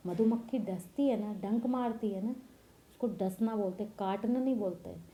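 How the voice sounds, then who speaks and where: A woman's voice: mid-range voice, moderate pace, mellow, rough recording. A woman teacher explaining a text line by line, patiently asking questions and answering them herself in a classroom-lesson style. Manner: patient, asks and answers her own questions.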